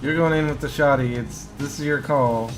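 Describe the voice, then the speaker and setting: A man's voice: medium pitch, fairly even intonation, normal speed, faint music behind. A man giving casual, sweary gameplay commentary and reading the game's text aloud as he plays. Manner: casual, profane. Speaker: video game player narrating playthrough.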